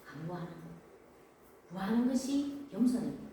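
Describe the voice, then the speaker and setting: A woman pastor preaches from across a large church, her voice ringing through a very echoey hall with faint background ambience. Her pitch swings widely as she stresses words through emphatic repetition. She acts out quoted lines in between. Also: very animated, normal speed, dark tone, far from the mic, slight background noise. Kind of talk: sermon.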